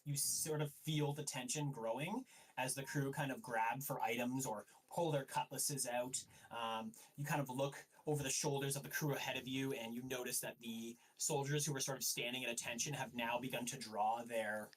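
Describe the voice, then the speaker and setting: A man's voice: medium pitch, steady tone, moderate pace. A man running a tabletop game as dungeon master, narrating hesitantly with many fillers. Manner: hesitant, full of um and sort of. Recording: voice a bit far from the mic.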